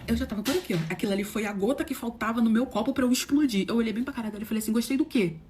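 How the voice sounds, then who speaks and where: Brief: carioca woman in her twenties, storytime monologue, rapid-fire and dramatic, slightly high voice. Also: a little hiss or hum. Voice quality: expressive, dramatic storytelling with big swings in pitch.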